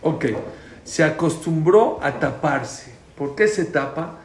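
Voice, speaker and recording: A man's voice: fairly high pitch, slow. A man teaching a prayer class, explaining points and quizzing his students. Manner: lively, asks the class questions, repeats key points loudly. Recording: echoey room, faint background noise.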